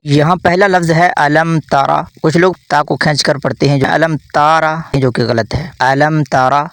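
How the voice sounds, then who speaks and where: A man's voice: fairly high pitch, normal speed, dry recording. A man teaching the correct pronunciation of a Quranic verse, patiently pointing out common mistakes and spelling each word out in a scripted explanation.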